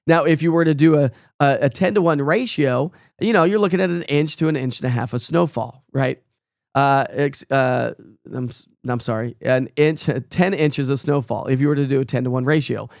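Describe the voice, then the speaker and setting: A cold is taking the voice of this male meteorologist, whose mid-range tone sounds gravelly in a clean studio recording with no room sound. He delivers a casual live weather forecast in a chatty, folksy, rambling manner with fillers.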